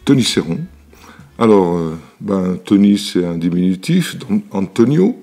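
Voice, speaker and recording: A man's voice: low voice, big pitch swings, unhurried, creaky, mellow, faint music behind. A man in his seventies from Italy, telling his life story as an interview guest in his workshop, with hesitant speech full of fillers and restarts. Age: 70s. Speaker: interview guest, elixir maker. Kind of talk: relaxed personal storytelling.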